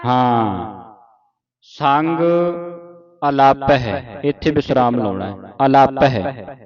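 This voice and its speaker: A man's voice: medium pitch, crowd noise. A man teaching scripture recitation, drawing out each syllable and correcting how words are said. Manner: drawn-out, syllable-by-syllable enunciation, correcting pronunciation. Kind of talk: slow pronunciation lesson. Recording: dull lo-fi sound with group noise behind.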